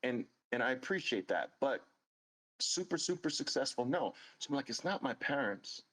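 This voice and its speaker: A man's voice: mid-range voice, lively intonation, moderate pace, fairly bright tone, low-quality recording. A man in his late fifties, hosting a show and telling a personal story in an earnest, emphatic way, repeating phrases for stress. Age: 50s. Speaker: host.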